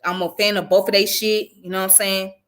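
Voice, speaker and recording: A woman's voice: mid-range voice, little pitch movement, a little fast, fairly bright tone. A woman who grew up in the American South, giving blunt, profane, conversational commentary on her own channel. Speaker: channel host. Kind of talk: casual commentary vlog.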